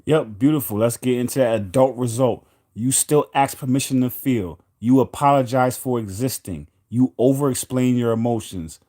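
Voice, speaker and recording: A man's voice: medium pitch, normal speed, hardly any pauses, mellow. A man hosting a casual livestream, greeting viewers and steering the topic. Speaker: livestream host.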